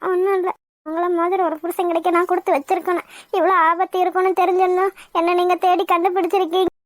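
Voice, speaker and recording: A woman's voice: very high voice, flat delivery, fast, no room sound. A woman voicing a frightened young woman in a cartoon, crying and despairing. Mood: tearful. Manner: tearful, despairing. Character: young woman, rescued and tearful, fearful.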